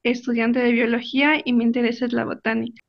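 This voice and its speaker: A woman's voice: a little high, little pitch movement, brisk, vocal fry. A woman from Ecuador, a biology student, presenting a class project earnestly, with a few small restarts. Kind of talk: academic presentation. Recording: dull lo-fi audio.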